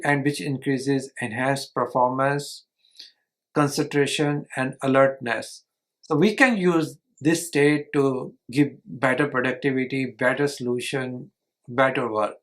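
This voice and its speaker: Man for an informal book-summary lesson, somewhat high-pitched, earnest, repeats himself. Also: fairly bright tone. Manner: earnest, repeats and restarts phrases, non-native phrasing. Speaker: channel host summarizing a book.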